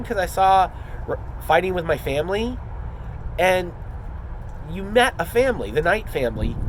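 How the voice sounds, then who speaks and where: A man's voice: high voice, noisy background. A man speaking off the cuff in an earnest, rambling, casual vlog style. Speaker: wrestling student.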